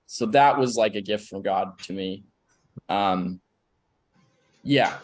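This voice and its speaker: A man's voice: on the low side, takes it slowly. A young man in his early twenties, an actor on a panel, speaking candidly and reflectively with lots of "like" fillers. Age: 20s. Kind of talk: personal sharing on a panel.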